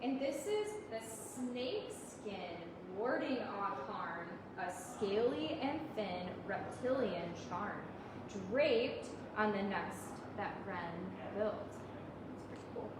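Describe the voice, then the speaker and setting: Reading aloud to preschoolers in an interactive story time, a woman librarian uses simple, child-directed language and keeps asking the children questions. She speaks at medium pitch with lively intonation, taking her time. The recording is noisy, from a distant mic in a very echoey room.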